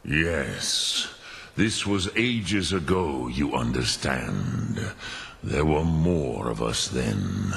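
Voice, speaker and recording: Playing a fantasy game's ancient dragon mentor, a man speaks with gravelly, ponderous wisdom, musing through pauses and dragon-tongue words. His extremely low voice is animated and a bit bright, the delivery exaggerated.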